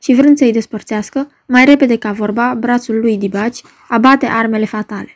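A woman's voice: a little high, steady tone, natural voice. A woman reading as Benvolio, urgent young man. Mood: recounting. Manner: urgent, pleading delivery. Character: young male friend, urgent peacemaker. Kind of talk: dramatic reading of a play.

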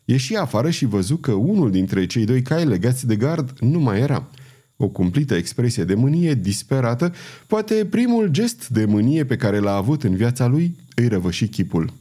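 This is an audiobook reading of a novel by a male narrator whose medium-pitched delivery is measured and expressive.

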